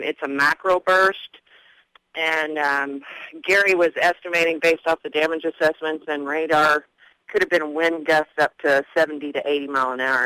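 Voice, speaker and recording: Very bright, clear American interview voice, male-pitched. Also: no room sound, rough recording. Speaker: emergency management director. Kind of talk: spontaneous interview soundbite.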